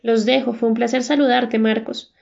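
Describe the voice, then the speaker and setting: A woman's voice: a little high, flat delivery, moderate pace, creaky, darkish tone. A woman reading the part of a composed, friendly woman acquaintance who speaks politely and briefly. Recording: dull lo-fi recording.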